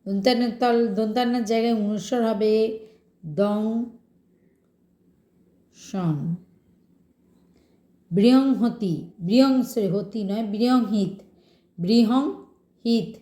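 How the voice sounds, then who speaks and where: Woman teacher, higher voice, deliberate questioning delivery, roomy recording. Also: warm tone. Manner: slow, patient, asks students questions. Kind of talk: Bengali grammar lesson.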